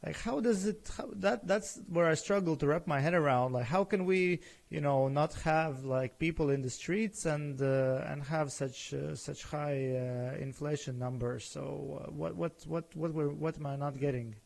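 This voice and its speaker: A man's voice: fairly high pitch, normal speed, vocal fry, hardly any pauses, darkish tone. A man co-hosting a podcast, asking questions in a hesitant way as he searches for words. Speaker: podcast co-host. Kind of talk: casual chat.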